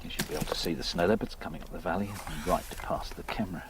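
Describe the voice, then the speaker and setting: A man's voice: sits low, fairly even intonation, rapid-fire. A man working as a wildlife camera operator, explaining things informally in a nature documentary. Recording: clear background noise on location.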